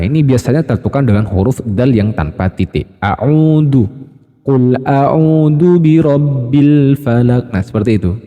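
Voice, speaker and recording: A man teaching Quran recitation rules, patiently explaining step by step and slowly drilling each sound, addressing listeners as friends. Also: on the low side, warm tone, long reverb tail. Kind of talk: tajwid lesson with spoken demonstrations.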